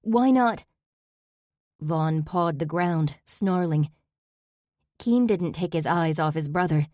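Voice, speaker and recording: A woman voicing a pained young man in an audiobook, speaking in a quiet, grave way. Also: fairly low pitch, lively intonation, takes it slowly, no room sound, studio quality.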